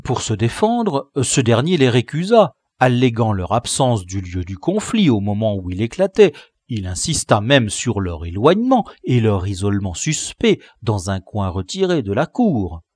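A man reading a classic novel aloud with expressive narration. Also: lowish voice, normal speed, breathy edge, no echo, clean studio sound. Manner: expressive, dramatic. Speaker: audiobook reader.

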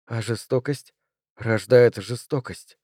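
A man voicing a tender young woman, the hero's lover, in a soft hushed tone. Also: mid-range voice, moderate pace, no room sound, studio quality, close to an everyday voice.

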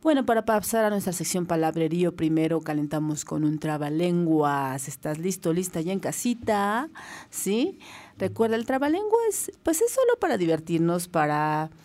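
A woman's voice: lowish voice, very animated, normal speed, darkish tone. A woman hosting a children's community radio show, speaking cheerfully to kids at home and laughing often.

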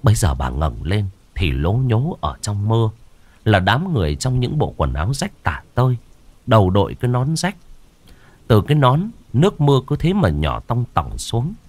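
A man narrating a ghost story, dramatic and slowing down on the eerie moments. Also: fairly low pitch, very animated, a little mellow, no room sound.

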